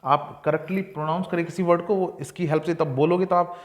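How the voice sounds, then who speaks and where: A young man with a fairly high voice teaches an exam-prep lesson. He reads each English point slowly and deliberately. Then he explains it in Hindi, with many fillers. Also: fairly even intonation.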